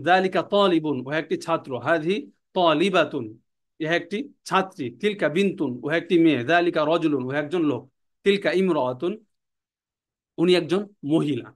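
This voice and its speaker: A man teaching an online language class, repeating words and their meanings in a slow, drilling way. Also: fairly high pitch.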